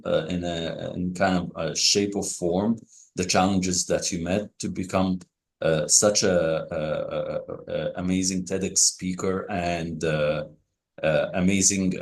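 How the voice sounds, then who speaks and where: Egyptian guy hosting a podcast, really deep low voice, lots of stops and restarts. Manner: halting, with frequent pauses and restarts. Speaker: podcast host. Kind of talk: casual interview chat.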